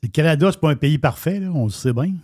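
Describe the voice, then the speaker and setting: A man, co-hosting live radio talk in a calm, measured, agreeing way. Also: a little high, no echo, studio quality. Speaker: radio co-host.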